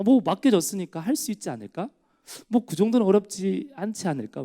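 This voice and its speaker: A young man delivers a sermon as a pastor, in a relaxed storytelling voice that sounds like casual conversation. His pitch is lively and moves freely, and his timbre is mellow and somewhat raised. He acts out the lines of the people in the story as he goes. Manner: storytelling with acted-out quotes; conversational, personal anecdotes.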